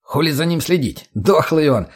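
A man's voice: on the high side, animated, normal speed, pitched above the performer's own voice. A man reading an audiobook, voicing a lazy, crude stoner who drawls and mocks. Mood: mocking. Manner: drawling, swearing, mocking.

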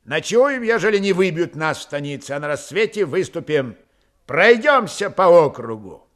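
A stern, threatening rebel Cossack commander, as a male reader puts him on, snapping out curt orders. The voice rides high and leaps about in pitch. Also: sing-song, moderate pace.

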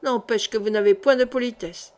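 A woman's voice: a little high, normal speed, darkish tone, close to an everyday voice. A woman voicing a naive, touchy young male bread carrier who talks in clipped rustic country speech, in an audiobook. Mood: piqued.

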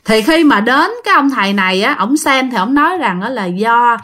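A woman's voice: on the high side, animated, normal speed, bright, forceful tone. A woman telling a ghost story in a conversational way, speaking directly to her listeners.

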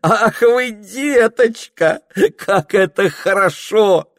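Man doing a young woman's voice, teasing, mocking, high and lilting, audiobook, dry close sound. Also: big pitch swings, slow, no room sound, full character voice. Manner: playful, mocking, rising high lilt. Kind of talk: audiobook character reading.

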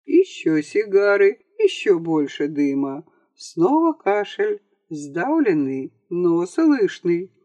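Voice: medium pitch, very animated, slow, dark tone, no echo. An audiobook reader narrating a comic story in a wry, theatrical way. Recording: dry home-studio voice-over.

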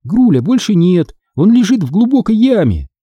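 A man voicing an excited young girl who bosses her little brother around, eager and full of exclamations. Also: high-pitched, normal speed, breathy edge, no echo, lo-fi sound, pitched above the performer's own voice, full character voice. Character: excited young girl, bossy older sister.

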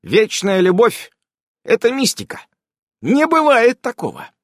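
A man puts on a sharp-tongued witch woman for an audiobook, pitched well above his own voice and swinging through a lively melody. She speaks in a brisk, emphatic way. The sound is close and dry. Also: no echo, heavily acted. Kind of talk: audiobook character voice.

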